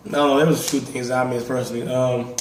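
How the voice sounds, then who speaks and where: A man's voice: medium pitch, flat delivery, fast talker. A man hosting a casual reaction video with a sick voice, talking in a loose, rambling way and swearing casually. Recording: roomy, distant mic, faint hiss.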